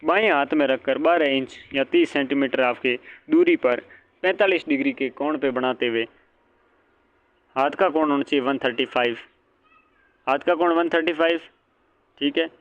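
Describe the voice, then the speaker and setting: With a medium-pitched voice at a moderate pace, broken by long pauses, a male teacher works through an exam-prep lecture. He asks and answers his own questions and repeats every point, all on dull lo-fi audio.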